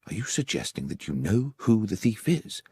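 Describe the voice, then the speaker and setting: Puzzled gentleman doctor , read by a man, detective audiobook. Earnest, polite, questioning, animated pitch, dry sound. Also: moderate pace, husky, dry recording, full character voice.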